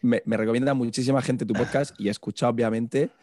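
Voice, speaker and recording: A man from Murcia talks in a rapid, hoarse voice, blunt and peppered with swearing. His pitch sits in an ordinary middle range. The sound is dry and close, with no room behind it. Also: no room sound. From Murcia, Spain. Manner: blunt, swears casually, lively. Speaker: podcast guest. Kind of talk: casual chat.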